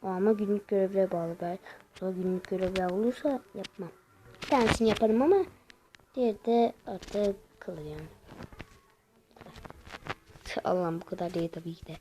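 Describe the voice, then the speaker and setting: A young woman giving casual gameplay commentary, talking straight to her viewers with frustrated, excitable outbursts. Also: medium pitch, fairly quick, long pauses, background noise.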